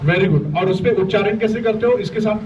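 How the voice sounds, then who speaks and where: A man's voice: high-pitched, a little fast. A man leading an interactive lesson for school students. He keeps checking in with the class and praises them often. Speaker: school workshop facilitator. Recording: distant, dull mic with faint room noise.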